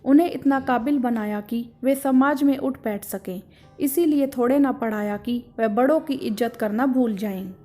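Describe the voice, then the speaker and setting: Give me a scolding, caring older husband, as a woman reads him, a bit high and mellow. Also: normal speed, faint music behind, close to an everyday voice. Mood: indignant. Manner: scolding, indignant. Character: stern caring middle-aged husband, older brother.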